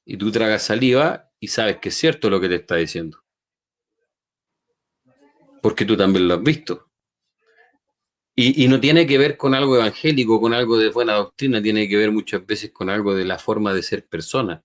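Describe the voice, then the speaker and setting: A man hosting a faith podcast, retelling a story in an animated way and checking in with his listeners. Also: on the low side, normal speed, pauses often. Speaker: podcast host.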